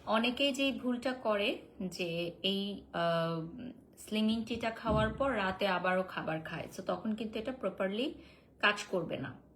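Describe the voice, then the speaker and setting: A woman talks through a live sales stream into her phone, chatty and direct, answering viewers one after another. Her voice sits at an ordinary middle pitch, with a faint hiss of background noise under it. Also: lively intonation, unhurried, fairly bright tone, poor audio. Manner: chatty, answers viewer comments, code-switches with English fillers.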